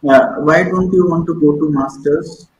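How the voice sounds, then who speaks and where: A man's voice: a little high, steady tone, moderate pace. A man with an Indian accent acting as a job interviewer, asking probing questions and explaining them with examples. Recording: echoey room with faint noise.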